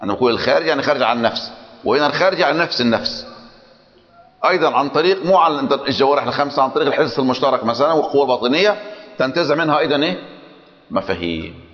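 A man's voice: mid-range voice, animated, rapid-fire, a bit bright. A man teaching a logic class who keeps questioning his students and checking that they follow. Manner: questions students, repeats "clear or not?". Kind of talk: classroom lecture. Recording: muffled recording in a long-reverb hall.

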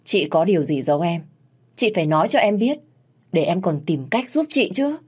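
A woman voicing a bold young servant woman who answers with quick, cutting retorts. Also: lowish voice, very animated, husky. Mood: firm.

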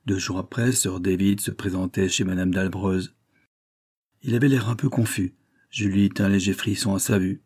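A man narrating a classic French novel as an audiobook, in a measured, dramatic reading. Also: sits low, fairly even intonation, darkish tone, breathy edge. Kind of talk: scripted narration.

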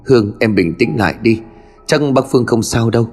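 A man voicing a young man calmly comforting a grieving girl. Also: medium pitch, brisk, slightly rough, long reverb tail, soft background music. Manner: calm, reassuring. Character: young man, gentle reassuring neighbor.

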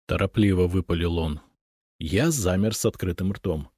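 A man narrating a fantasy audiobook in the first person, with expressive, lively storytelling. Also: low voice, moderate pace, husky, no echo. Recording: dry close studio recording.

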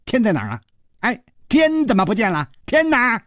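A man's voice: very high-pitched, huge pitch swings, moderate pace, fairly bright tone, dry recording, studio quality, voice pushed up, full character voice. A man voicing a chatty, giggling bald old man in a radio storytelling performance. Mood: gleeful. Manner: teasing, cackling, rambling.

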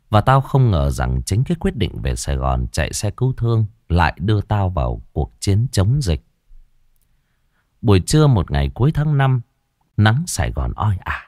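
A man with a Southern Vietnamese accent telling a ghost story in the first person, gruff and blunt, cursing casually. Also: low voice, darkish tone, no echo, clean studio sound.

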